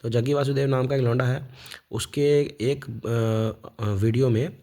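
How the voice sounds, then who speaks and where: Rambling man with a mellow voice. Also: medium pitch, steady tone. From India. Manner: rambling, halting, many fillers and restarts. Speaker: vlogger. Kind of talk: casual spoken monologue.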